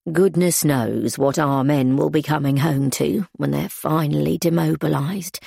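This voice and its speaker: A woman voicing a stern, sensible housekeeper who talks in a proper, measured, gently corrective way. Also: low-pitched, creaky, breathy edge, no echo, studio quality, full character voice. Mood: firm, sensible. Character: stern middle-aged housekeeper, prim and sensible.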